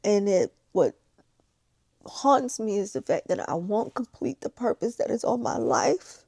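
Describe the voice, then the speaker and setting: A woman's voice: medium pitch, very animated, unhurried, vocal fry, mellow, breathy edge, no echo, clean studio sound. A woman chatting candidly in a confessional vlog, repeating phrases for emphasis, with the slightly slushy articulation of missing teeth. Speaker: vlogger. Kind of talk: casual confessional vlog chat. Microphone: small handheld vlogging camera.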